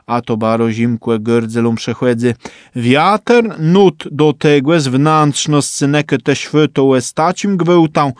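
Brief: an unhurried Kashubian male storyteller, dry close recording. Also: fairly high pitch, a little mellow, no echo. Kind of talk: reading a folk tale aloud.

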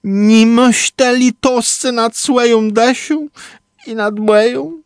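A man voicing a frantic old male servant who pleads in a shrill cry. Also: steady tone, slow, smooth, no room sound, studio quality, exaggerated voice. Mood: desperate. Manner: shrill, desperate crying out.

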